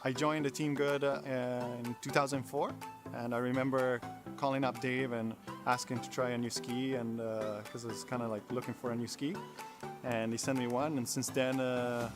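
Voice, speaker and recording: A man from Italy, a water ski coach speaking in a relaxed, conversational testimonial. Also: medium pitch, moderate pace, over music. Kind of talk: sponsor testimonial.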